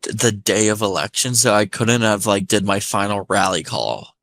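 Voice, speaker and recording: A man's voice: on the low side, normal speed, fairly bright tone, no room sound. A man with an American accent touched with Appalachian, telling anecdotes in a sweary, rambling casual chat. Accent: American, slightly Appalachian.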